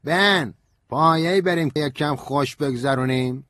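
A man playing a cheerful, crude, energetic young man in an audiobook, brash and slangy in his delivery. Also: on the high side, dry recording, studio quality. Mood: teasing. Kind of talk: audiobook character reading.

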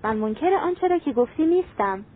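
A woman's voice: sits high, animated. A woman doing a terrified pleading merchant. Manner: pleading, desperate. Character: frightened male merchant pleading for his life. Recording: tinny phone-like sound.

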